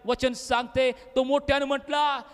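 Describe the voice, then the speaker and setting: High-voiced preacher shouting in a hall. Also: male voice, flat delivery, moderate pace, clear, resonant tone. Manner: dramatic storytelling, acting out crowd voices, shouting at peaks. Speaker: pastor. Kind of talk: sermon. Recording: long hall reverb.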